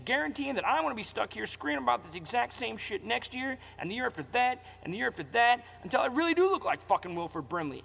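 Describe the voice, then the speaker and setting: A man's voice: very high-pitched, gravelly, a bit bright, breathy edge, long reverb tail. A man delivering a furious, profane scripted rant. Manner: angry, profane, ranting. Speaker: ranting commentator.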